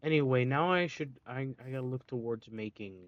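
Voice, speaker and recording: A man's voice: mid-range voice, brisk, highs cut off, a little hiss or hum. A man giving casual gameplay commentary, rambling, correcting himself mid-sentence and dropping sarcastic asides. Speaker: let's play gamer.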